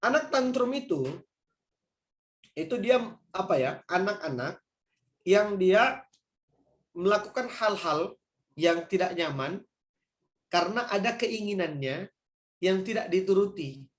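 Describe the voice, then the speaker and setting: A man's voice: high-pitched, expressive, unhurried, long pauses, reverberant. A man answering parents' questions in an online talk, speaking casually and acting out little scenes. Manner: conversational, acts out scenes for parents. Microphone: video call.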